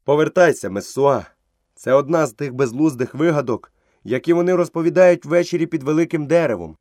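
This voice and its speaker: A man's voice: on the high side, brisk, a little mellow, no echo, studio quality, voice pushed up, natural voice. A man voicing a proud, defiant young man raised in the jungle, scornful toward villagers. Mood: bitter.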